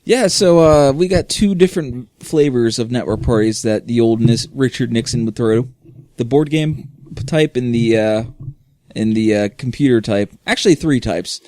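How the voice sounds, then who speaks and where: A man co-hosting a casual podcast, talking in an easygoing, deadpan way. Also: medium pitch, normal speed, dry recording. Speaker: podcast co-host. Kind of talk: casual chat.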